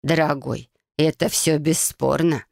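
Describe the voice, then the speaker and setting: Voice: medium pitch, steady tone, a little slow, creaky, a little mellow, dry recording, clean studio sound. A reader doing a caring motherly woman. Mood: gentle.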